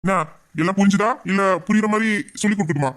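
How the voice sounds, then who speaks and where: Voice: mid-range voice, very fast, close to an everyday voice. A performer voicing a teasing young man, a bossy boss and doting suitor, in an audio drama. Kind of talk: Tamil audio drama acting.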